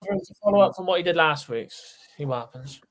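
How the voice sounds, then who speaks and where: Higher-voiced man in casual chat. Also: lively intonation, quick pace.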